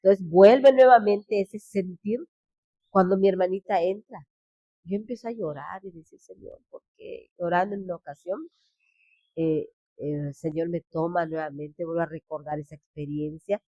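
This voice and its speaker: A woman's voice: on the low side, dark tone, dry recording, highs cut off. Earnest woman pastor telling her testimony. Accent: Yucatán Mexican Spanish. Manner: earnest, halting, with frequent restarts and quoted speech. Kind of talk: personal testimony, spoken storytelling.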